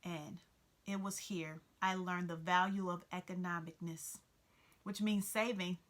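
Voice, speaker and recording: Reading a storybook aloud, a woman voices a fussy, sentimental male mouse who speaks in a whiny, pitiful, dramatic way. Her own voice is lowish, unhurried, and fairly even in intonation, with light acting.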